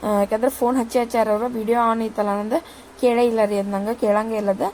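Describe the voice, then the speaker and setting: Cooking in her home kitchen, a woman vlogger rambles chattily to her viewers, addressing them as "ri". Her voice is on the high side and a little mellow, with a flat, fast delivery, and the poor audio carries slight background noise.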